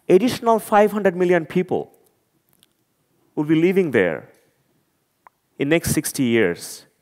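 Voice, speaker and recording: With a fairly high pitch and darkish tone, a Bangladeshi man speaks in a Bangladeshi accent at a conference, recorded with long hall reverb. He gives an earnest, emphatic talk, frequently repeating words as he searches for them.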